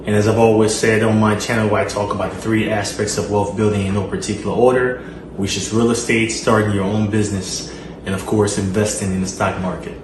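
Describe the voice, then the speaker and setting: A man's voice: on the low side, background noise. Liberian man hosting a fan Q&A in an echoey room. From Liberia, West Africa. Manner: earnest, repeats key phrases, frequent fillers. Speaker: channel host. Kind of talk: casual Q&A vlog.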